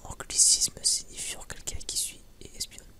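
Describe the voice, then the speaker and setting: Whispering at a moderate pace, an ASMR video maker rambles through an informal chat, swearing casually. He sounds hesitant and keeps stammering on repeated words.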